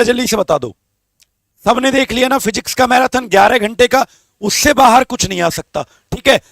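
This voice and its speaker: High, gravelly male teacher coaxing students. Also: fairly bright tone, dry recording, studio quality. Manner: coaxing, calls students beta and babu, asks for comments. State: strained throat, talking softly. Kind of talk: live online exam-prep lesson.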